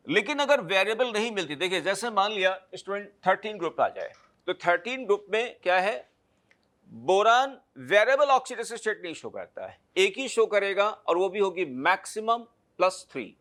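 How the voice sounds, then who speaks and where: A man's voice: high voice, very animated, normal speed, fairly bright tone. A man teaching a chemistry lecture, explaining step by step and checking understanding with short tag questions. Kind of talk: classroom lecture.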